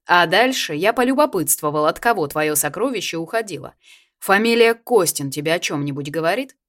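A woman's voice: lowish voice, expressive, fairly quick, natural voice. Woman voicing a brash mocking young twin brother. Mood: teasing. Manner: loud, teasing, sing-song jabs.

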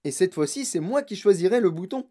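A storybook reader voicing an eccentric, excitable grown man who makes chocolate and talks in delighted exclamations. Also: medium pitch, fairly quick, pitched above the performer's own voice, close to an everyday voice. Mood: jubilant.

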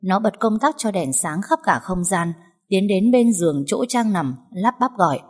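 A woman narrating a family drama story in a steady, dramatic storytelling manner. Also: mid-range voice, moderate pace. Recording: long hall reverb.

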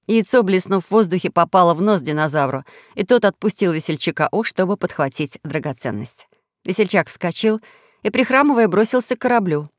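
A woman reads a children's story aloud in an expressive storytelling manner. Her voice sits slightly low. The recording is dry and close. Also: a little fast, no room sound. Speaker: narrator. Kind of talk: audiobook story reading.

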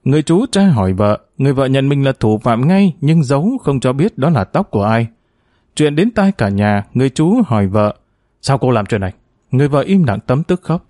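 A man narrating a story in a steady, expressive way. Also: mid-range voice, a little fast, no room sound, clean studio sound.

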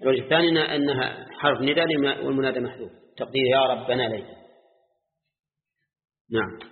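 A man's voice: medium pitch, fairly even intonation, fast. Older male scholar teaching Quran exegesis, chanting verses, tinny phone-like audio with long hall echo. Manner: explains step by step, often asks students "ha?", chants verses. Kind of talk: classroom Quran exegesis lesson. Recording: tinny lo-fi recording in an echoey hall.

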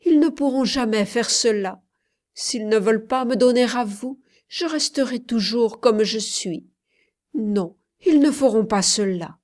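A woman's voice: medium pitch, fairly even intonation, slow pace, a little mellow, natural voice. A woman reading the part of a devoted young nursemaid in an audiobook, earnest and heartfelt. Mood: passionate. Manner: earnest and passionate.

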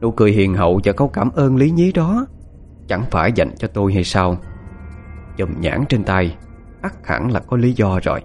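A man narrating a first-person ghost story in a hushed, suspenseful, expressive way. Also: fairly low pitch, normal speed, faint music behind.

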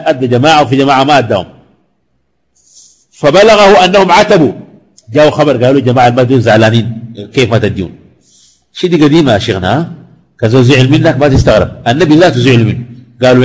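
A man giving a colloquial religious lesson, moving between classical quotations and everyday asides, with sudden high rises in his voice. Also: low-quality recording. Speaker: preacher.

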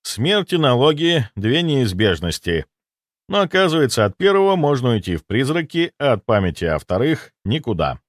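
A man reading a first-person fantasy audiobook, with deadpan, wry asides, close to a studio mic. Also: medium pitch, moderate pace, dry recording. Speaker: audiobook narrator.

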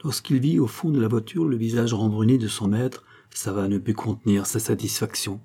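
A man narrating a classic novel in a measured, even audiobook reading. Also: on the low side, breathy edge. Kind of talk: scripted narration.

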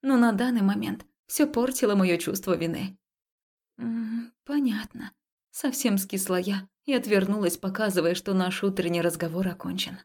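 Reading a romance story told in the first person, a woman gives an expressive, confessional audiobook performance in a mid-range voice, voicing the dialogue as she goes.

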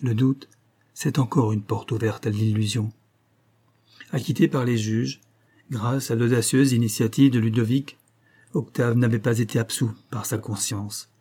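A man narrating a classic novel as an audiobook, in a measured, dramatic storytelling manner. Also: mid-range voice, steady tone, warm tone.

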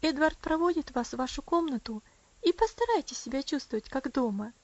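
A gentle young woman speaks with soothing tenderness, voiced by a woman reading the story. Her tone is high and affectionate. The recording is dull and dry. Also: sing-song, brisk, no room sound. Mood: tender. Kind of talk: audiobook character voice.

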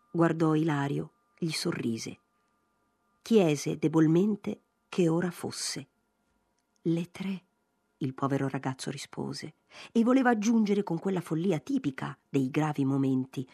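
A woman with a low, husky voice reads a literary novel aloud. Her pacing is measured and expressive. The sound is close and dry, with faint music underneath. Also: dry recording. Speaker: audiobook narrator. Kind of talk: literary audiobook reading.

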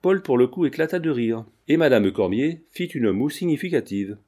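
A man narrating a classic novel as an audiobook, in a measured, even reading. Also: mid-range voice.

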